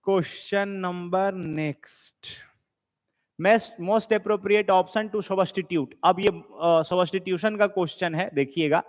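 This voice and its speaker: Indian male tutor, high voice, lectures with a long hall echo, checks in with the class. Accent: Indian English. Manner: explains in Hindi, reading English questions slowly; frequent check-ins with the class, self-corrects. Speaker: English teacher. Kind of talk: exam-prep class lecture.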